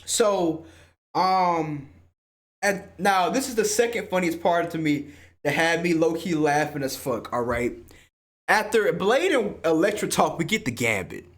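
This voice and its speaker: A man hosting a casual spoiler review of a film, excitable and slangy, swearing freely and often laughing. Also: fairly high pitch, measured pace. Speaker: movie reviewer and host.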